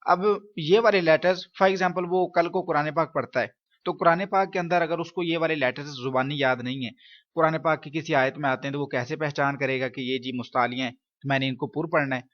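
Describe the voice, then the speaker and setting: A man's voice: a little high, fairly even intonation, muffled recording. A man teaching Quran reading to other teachers, explaining step by step, checking in often and asking rhetorical questions. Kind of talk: instructional lesson for teachers.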